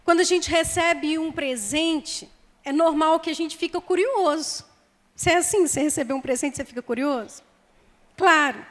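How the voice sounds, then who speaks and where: This sermon comes from a woman pastor with a Brazilian Portuguese accent, speaking into a handheld mic in a fairly high, fairly bright voice. She prays and reads scripture slowly and emphatically while the sanctuary's reverb lingers long after each phrase.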